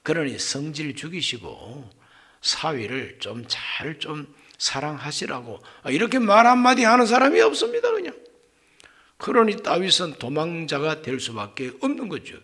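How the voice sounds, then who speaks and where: A male pastor preaching a sermon, swinging from hushed whispers to loud exclamations and firing rhetorical questions at the congregation. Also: a little high, sing-song, normal speed.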